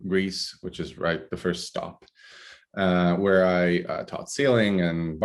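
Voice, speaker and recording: Deep-voiced Italian-accented man, halting. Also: gravelly. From Italy. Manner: halting, many fillers and restarts. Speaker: guest, climate researcher. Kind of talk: podcast interview.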